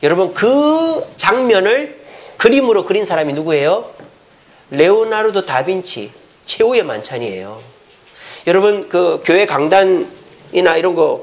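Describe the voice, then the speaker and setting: A male pastor preaching a Sunday sermon, animated and often putting questions to the congregation. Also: high voice.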